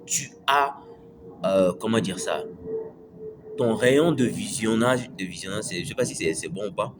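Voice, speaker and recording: A man's voice: on the low side, unhurried. Casual motivational man, faint room noise. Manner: conversational, repeats phrases, asks "tu me suis". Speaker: self-improvement video host. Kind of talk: casual motivational talk to camera.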